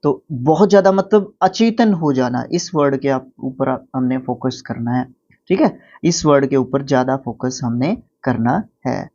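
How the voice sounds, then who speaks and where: A man with an Indian accent teaching a vocabulary lesson, explaining words and reading English definitions slowly. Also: mid-range voice, warm tone, lo-fi sound.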